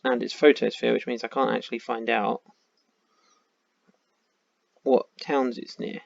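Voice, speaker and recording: A man's voice: medium pitch, fairly even intonation, a little slow, vocal fry, no room sound. A man with a tired voice, thinking aloud in casual commentary while playing a map game. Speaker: game streamer. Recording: dull lo-fi sound.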